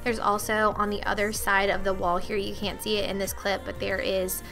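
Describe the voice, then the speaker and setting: A woman's voice: mid-range voice, little pitch movement, moderate pace, vocal fry, music in the background. A young woman narrating a cleaning vlog in a chatty, friendly voice-over. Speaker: cleaning vlogger.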